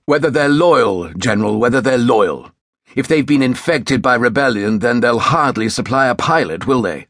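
A man voicing a brisk, commanding naval captain who is curt and impatient with questions. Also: medium pitch, lively intonation, fairly bright tone, no room sound, clean studio sound.

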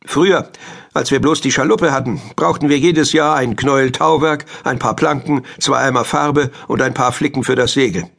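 A man's voice: normal speed, gravelly, a bit bright. A man voicing a stern, nagging old great-grandmother in a children's audiobook. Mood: grumbling. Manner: shrill, nagging complaints. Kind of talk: audiobook character voice.

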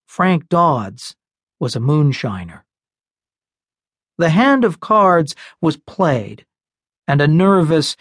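A man narrating an audiobook in a measured, unhurried storytelling manner, recorded close on a studio mic. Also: a little high, no room sound. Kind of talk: scripted narration.

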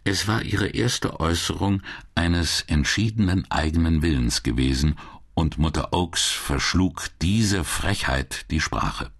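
A man narrating a classic crime audiobook in a measured, expressive reading style. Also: deep voice, slightly rough. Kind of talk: scripted narration.

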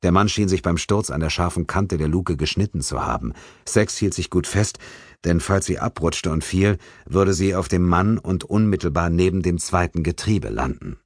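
A man narrating a thriller audiobook in a measured, tense way. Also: deep voice, no echo, studio quality. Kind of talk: scripted narration.

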